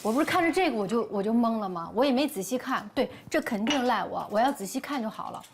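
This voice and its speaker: An actress playing a middle-aged wife and mother, explaining herself in a rapid, flustered way. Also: a little high, expressive, background noise. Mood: defensive.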